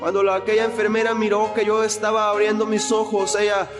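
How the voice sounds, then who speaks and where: Young man, high and flat delivery, earnest testimony, echoing hall with faint music behind. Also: a little fast. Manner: earnest, retelling with repeated phrases. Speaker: person giving a testimony. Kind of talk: spoken religious testimony.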